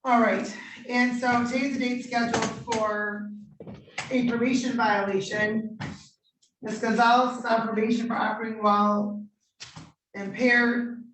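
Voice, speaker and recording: A woman judge conducting formal court proceedings in measured, procedural questions, heard on a courtroom recording. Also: a little high, flat delivery, noisy background. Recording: roomy courtroom audio from a distant mic.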